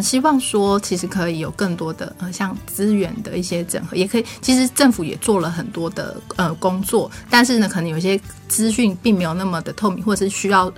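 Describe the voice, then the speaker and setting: A woman, a charity office director speaking as an interview guest, earnest and often hesitating. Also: medium pitch. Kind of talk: interview guest answering questions.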